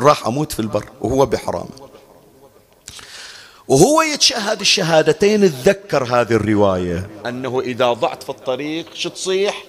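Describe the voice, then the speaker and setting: A man giving a religious sermon in a majlis, telling a story and voicing its people, rising to high pleading calls and dropping low and soft. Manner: rises to high pleading calls when quoting invocations, then drops low and soft. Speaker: preacher. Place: majlis gathering hall.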